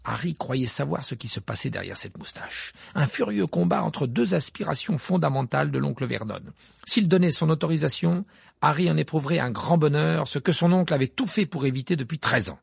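A man reading an audiobook in expressive scripted narration. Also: a little high, a little fast, vocal fry, breathy edge, dry recording, studio quality.

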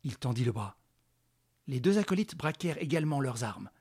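A male narrator tells a radio drama in a measured, dramatic storytelling voice. His tone is mid-pitched with a husky, slightly breathy grain. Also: big pitch swings, a little mellow.

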